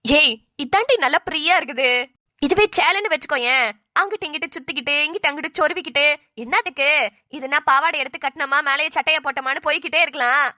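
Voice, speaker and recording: Fretting granny. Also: female voice, high voice, bright, forceful tone, no room sound, studio quality. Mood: teasing. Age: older. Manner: chatty, fretting, quick rambling talk. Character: older village grandmother, fussy and protective. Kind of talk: cartoon voice acting.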